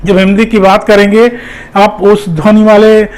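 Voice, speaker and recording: A man's voice: sits high, level tone, measured pace, darkish tone. A man teaching an exam-prep lecture, explaining step by step with frequent fillers and repetitions. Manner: explanatory, repeats points, many fillers.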